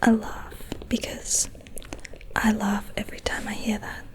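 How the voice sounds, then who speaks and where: A woman's voice: medium pitch, completely flat delivery, lightly acted. A woman playing a proud, mischievous leprechaun in a whispered role-play, with quaint phrases and lingering repeated words. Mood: scoffing. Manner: playful, haughty storybook leprechaun with quaint turns of phrase; slow, lingering repetition of words. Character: proud, mischievous leprechaun collector of trinkets and treasures.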